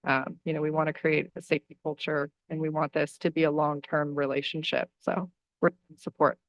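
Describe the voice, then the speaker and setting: A woman presenting insurance coverage to a school board, steady and reassuring, with some filler words. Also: sits low, a little fast, muffled recording, slight background noise. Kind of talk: formal presentation at a meeting.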